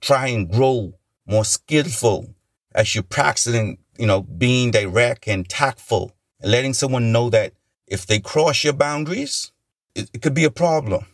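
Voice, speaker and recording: A man's voice: medium pitch, unhurried, no echo, clean studio sound. A man giving an earnest, rambling motivational talk, often repeating himself and leaning on "you know" as he encourages listeners. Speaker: motivational speaker.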